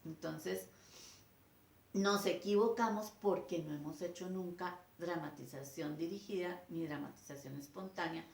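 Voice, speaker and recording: A little slow, with a low and creaky voice, a woman teacher delivers a lecture full of acted classroom scenes. She brings the teacher and her pupils to life in shifting voices, recorded in an echoey room.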